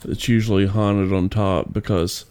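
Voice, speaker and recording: Mellow-voiced man chatting on a podcast. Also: lowish voice, level tone, unhurried, clear, resonant tone. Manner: offhand, joking interjections. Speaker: podcast co-host. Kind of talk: casual podcast chat.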